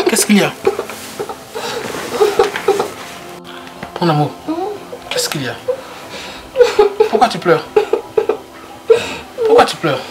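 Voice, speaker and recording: Actor as devoted husband; soothing, repetitive pleading; comedy sketch; distant, noisy take. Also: male voice, high voice, full character voice. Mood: tender. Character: devoted young husband soothing his crying wife. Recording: echoey room, far from mic, noisy.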